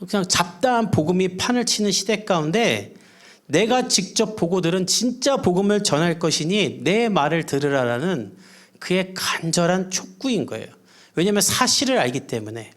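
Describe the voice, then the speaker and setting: A middle-aged male pastor preaching a sermon at a church service, earnest and conversational, drawing on everyday examples. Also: fairly high pitch.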